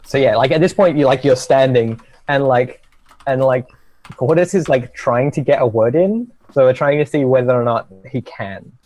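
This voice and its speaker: A man running a tabletop game, casually and haltingly guiding players through rules with encouraging prompts. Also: medium pitch, darkish tone. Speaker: game master.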